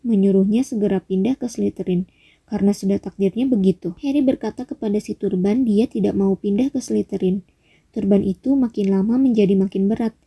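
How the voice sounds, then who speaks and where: A woman reads a storybook aloud at a steady, measured pace. Her voice is dark and mellow, with a gravelly edge and a husky grain. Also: medium pitch. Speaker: audiobook narrator. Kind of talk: audiobook narration.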